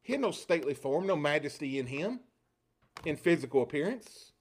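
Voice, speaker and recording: Male preacher, fairly high voice, expository sermon with dramatic quoted lines. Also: big pitch swings, a little fast. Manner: rhetorical questions, acts out quotes with rising inflection.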